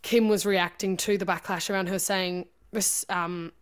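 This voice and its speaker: A woman's voice: on the low side, normal speed, clean tone. A woman co-hosting a podcast in casual chat, running her thoughts together with fillers. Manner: animated, run-on phrasing with fillers. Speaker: podcast co-host.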